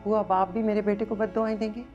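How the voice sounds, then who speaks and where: A defensive, sharp-tongued middle-aged mother with a Pakistani accent, played by an actress. She snaps back quickly. Faint music sits behind her. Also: on the low side, lively intonation, highs cut off, lightly acted. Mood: indignant.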